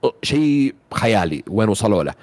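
A man talks fast in a lowish voice as he retells a game's story. He rambles, full of fillers and half-finished words, in a relaxed chat between friends. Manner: rambling, many fillers and restarts. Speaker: video game reviewer. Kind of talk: casual chat recapping a game story.

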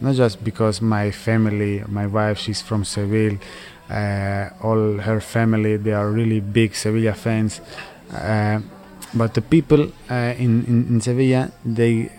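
A man from Switzerland in his thirties, answering interview questions in halting non-native English full of fillers and restarts. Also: on the low side, a little mellow. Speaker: interviewee, footballer.

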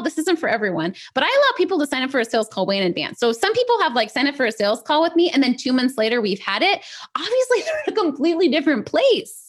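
Upbeat woman sales coach, high and lively, chatty delivery full of "like" and "right?", for a live talk. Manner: chatty, upbeat, peppered with "like" and "right?", laughs often. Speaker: business sales coach, show host. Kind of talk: live teaching talk to viewers.

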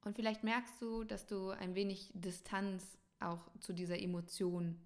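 A woman speaking as a coach in an unhurried, thoughtful way, leaving pauses between phrases. Her voice sits at a middle pitch, and she speaks straight to the listener with calm, measured care. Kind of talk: reflective spoken talk to listeners.

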